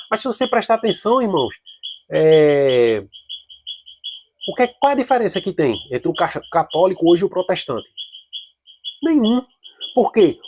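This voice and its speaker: A man's voice: a little high, a little mellow, slightly rough. A man giving an informal Bible study lesson, talking casually, restarting often and getting more emphatic as he argues his points. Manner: casual, repetitive, grows emphatic when arguing; frequent hesitations and restarts.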